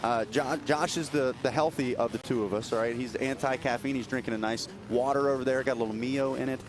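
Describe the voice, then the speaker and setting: A man's voice: mid-range voice, steady tone. A young man doing live race commentary from an announcers booth, chatty and joking. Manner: chatty, joking, fast-talking. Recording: noisy outdoor race broadcast.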